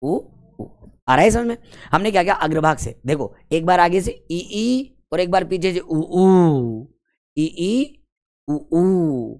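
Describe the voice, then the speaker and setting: A man's voice: high-pitched, animated, normal speed. Male grammar teacher, exam-prep lesson; quizzes the class and answers himself, stretches out vowel sounds to demonstrate. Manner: quizzes listeners and answers his own questions.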